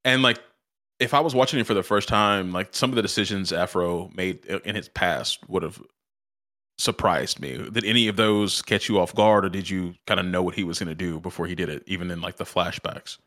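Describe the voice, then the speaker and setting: A man's voice: sits low, a little fast, sharp tone, dry recording, studio quality. A man co-hosting a podcast in casual chat, asking questions and swearing casually. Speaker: podcast co-host.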